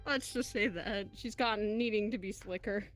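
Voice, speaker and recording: A woman's voice: mid-range voice, normal speed, loud music behind the voice, low-quality recording. A woman chatting casually and playfully during a virtual role-play session.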